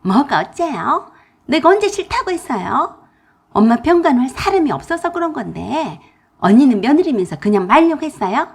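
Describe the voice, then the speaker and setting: A woman's voice: sits high, sing-song, darkish tone, breathy edge, exaggerated voice. A woman voicing a selfish young sister-in-law who whines and flares up, in a radio drama. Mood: indignant, shrill. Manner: whiny, demanding, quick to flare.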